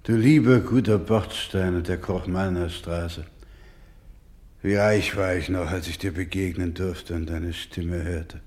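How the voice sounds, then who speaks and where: A male actor in a German radio drama voices a devout, anguished doctor caring for orphans, his low, darkish voice keeping a fairly even intonation. Unhurried, grave and solemn, he pleads in a tone of hushed grief.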